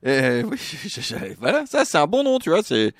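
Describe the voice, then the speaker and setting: A man's voice: a little high, wildly swooping pitch, normal speed, dry recording, studio quality. Chatty joking male radio host. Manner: chatty and joking, with many hesitant fillers. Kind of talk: casual radio presenting. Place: radio studio.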